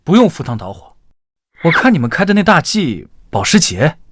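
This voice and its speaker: A man's voice: fairly high pitch, very animated, moderate pace, a bit bright, no room sound, studio quality. An actor playing a cocky young man who gives bossy, offhand orders. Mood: casual. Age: young adult. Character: cocky young farming genius.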